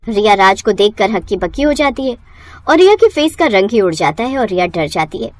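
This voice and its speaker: A woman narrating a family storybook cartoon in an expressive, scripted way. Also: medium pitch, a little fast.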